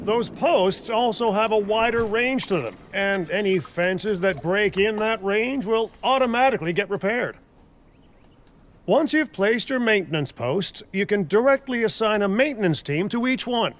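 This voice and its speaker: An actor playing a flippant, self-serving dinosaur park boss in a video game, glib and joking. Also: male voice, high voice, moderate pace, lightly acted. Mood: instructing. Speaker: park boss giving instructions. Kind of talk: video game character dialogue. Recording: clear vehicle and outdoor ambience noise.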